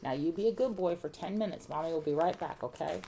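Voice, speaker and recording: A woman's voice: low voice, fast, warm tone. Lady reader as a worried doting mom in a kids book, coaxing, noisy recording. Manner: coaxing, motherly. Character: fretful, doting young mother of a toddler.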